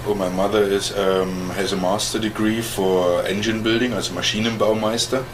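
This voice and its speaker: A man in his forties with a German accent and a very low voice tells his life story in an interview. He pauses to search for English words and chuckles now and then. A steady background noise sits under the recording. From East Germany. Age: 40s. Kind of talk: oral history interview.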